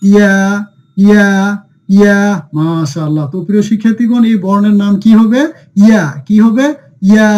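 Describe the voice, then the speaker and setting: A man with a high, mellow voice leads a Quran reading lesson. He quizzes the class, supplies the answers himself, and has everyone repeat the letter names with him. The recording sounds dull and lo-fi. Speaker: Quran teacher.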